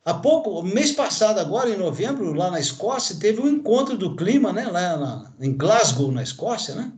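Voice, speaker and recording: A Brazilian chemistry teacher in his sixties or older lectures in an echoey room, pointing at a graph and tagging nearly every phrase with questions to his class, along with constant fillers. His voice is high-pitched and darkish in tone, with big pitch swings at a normal speed.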